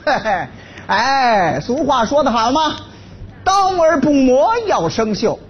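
A henpecked husband who brags and grovels, stage comedy sketch, high voice, swooping intonation. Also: male voice, big pitch swings, slow, dull audio, a little hiss or hum, full character voice. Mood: bragging. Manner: brags loudly, then grovels and stammers. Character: laid-off henpecked husband, boastful, fawning to wife.

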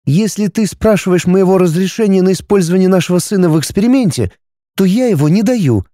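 A man reading a novel aloud and voicing an earnest, reproachful wife and mother in a raised, softened voice. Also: expressive, fairly quick, dry recording, clean studio sound. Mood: pleading, reproachful. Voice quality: soft, raised pitch for a woman. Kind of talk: audiobook character reading.

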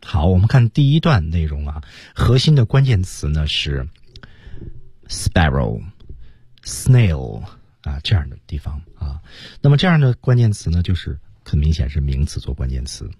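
A man's voice: extremely low pitch, very animated, moderate pace, warm tone, husky, dry recording. A man teaching English on a radio lesson, explaining patiently in a radio studio.

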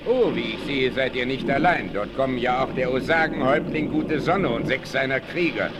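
A man's voice: medium pitch, moderate pace, background noise, lightly acted. A man playing a bold, self-assured frontier leader in a 1960s German radio play, hearty and commanding. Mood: surprised, hearty. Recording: old vinyl with music behind.

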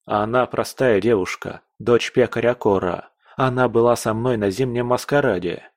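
A man's voice: mid-range voice, moderate pace, dry recording, clean studio sound, lightly acted. A man voicing an earnest young nobleman in love who speaks firmly and stubbornly.

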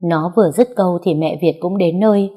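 Story narrator: woman, low mellow voice, soft and even, close mic. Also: brisk, husky. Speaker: audiobook narrator.

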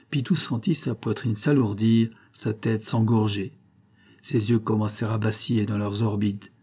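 A man reading an audiobook aloud in a measured, expressive narrating style. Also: mid-range voice, husky.

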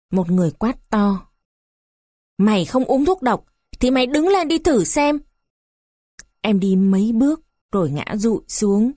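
A woman reading a story aloud in a slow, measured narration. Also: mid-range voice, dark tone, no room sound, studio quality.

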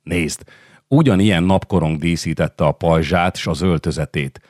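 A man's voice: deep voice, no room sound, studio quality. A man doing a secretive sultan's favourite wife. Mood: confiding. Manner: hushed, confiding.

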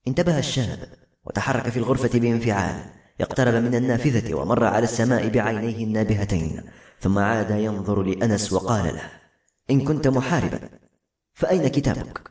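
A man narrating a novel as an audiobook in a brisk, expressive reading. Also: lowish voice, echoey room.

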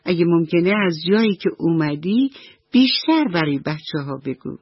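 A woman voicing a gentle female octopus teacher who talks patiently to her fish pupils. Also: fairly low pitch, big pitch swings, husky, no room sound, lo-fi sound. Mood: kind. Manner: warm, patient, coaxing.

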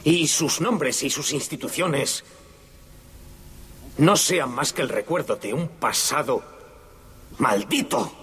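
A man's voice: medium pitch, slow pace, pauses often, fairly bright tone, husky, exaggerated voice. An actor playing a condemned Italian anarchist man giving a solemn, impassioned final statement in court, in a dubbed film.

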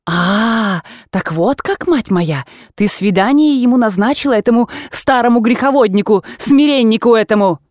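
A woman voicing an agitated, blunt old aunt in an audiobook, with sharp exclamations that jump from low mutters to high cries. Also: lively intonation, moderate pace, few pauses, dry recording, studio quality, natural voice. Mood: scolding. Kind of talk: audiobook character reading.

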